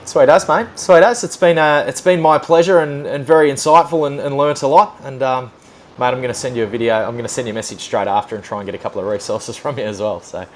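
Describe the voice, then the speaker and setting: A man's voice: mid-range voice, steady tone, quick pace, slight background noise. A man hosting a casual chat in a laid-back, matey, slangy way. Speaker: podcast host.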